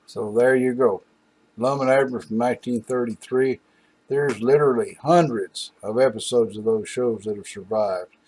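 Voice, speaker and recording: An older man with a mid-range voice hosts an old-time radio show, reminiscing casually in a folksy, halting, rambling manner with asides. There's noise in the background.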